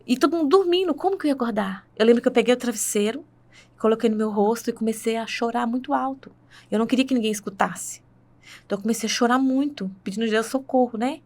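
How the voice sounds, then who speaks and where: A woman's voice: a little high, fast talker, darkish tone. A woman with a Brazilian Portuguese accent telling her faith testimony in conversation, earnest and full of tag questions.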